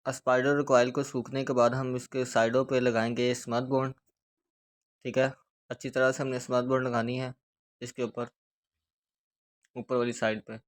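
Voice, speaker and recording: A man's voice: medium pitch, pauses often. A man with a Pakistani Urdu accent giving a hands-on speaker repair tutorial, explaining each step steadily as he works. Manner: steady, repetitive explaining while working with hands.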